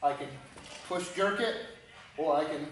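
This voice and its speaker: A man's voice: fairly high pitch, unhurried, echoey room, slight background noise, low-quality recording. A man coaching a lift in a gym, walking through the steps with short cues. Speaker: strength coach. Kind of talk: instructional demonstration.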